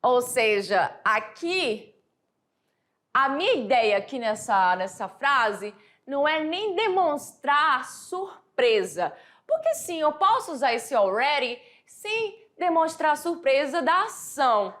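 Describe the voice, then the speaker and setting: A woman teaching English to high school students, explaining patiently and reading the English examples out slowly. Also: very animated, fairly bright tone. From Brazil. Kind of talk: classroom lesson explanation.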